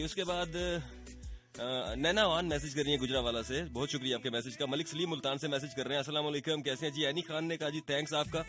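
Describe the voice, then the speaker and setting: A man with a Pakistani accent hosting late-night radio, playfully reading listener messages, his throat slightly sore. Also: medium pitch. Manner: chatty, playful, teasing. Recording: radio broadcast with faint music bed.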